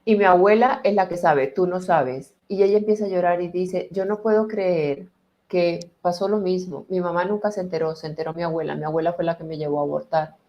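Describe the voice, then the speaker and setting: A woman therapist explaining family patterns in conversation, calm and deliberate, slowing down as she guides listeners through a healing exercise. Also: on the low side, muffled recording.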